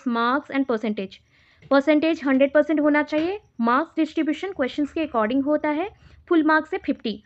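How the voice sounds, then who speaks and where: A woman teacher with an Indian accent giving a brisk exam revision lecture, reading questions aloud slowly and explaining them. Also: sits high. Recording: dull lo-fi recording.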